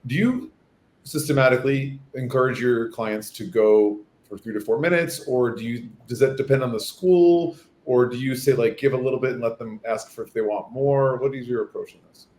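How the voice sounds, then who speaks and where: A male co-host whose voice is wearing hoarse asks long, searching questions. His mid-pitched voice rings in a roomy space, with a faint low rumble underneath. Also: moderate pace, darkish tone. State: losing his voice. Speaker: podcast co-host. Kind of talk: casual podcast chat. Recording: echoey room with faint rumble.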